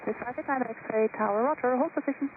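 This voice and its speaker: A woman working as an air traffic controller, issuing procedural clearances over the radio. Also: fairly high pitch, brisk. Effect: radio transmission. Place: airport control tower. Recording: tinny, noisy aviation radio.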